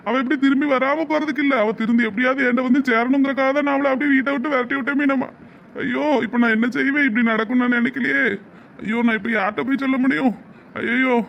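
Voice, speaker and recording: A man plays a panicked, remorseful young husband in a cartoon drama. His voice is very high and gravelly, and he rushes his words. The audio is lo-fi, with faint noise behind it. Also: steady tone. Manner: panicked, pleading.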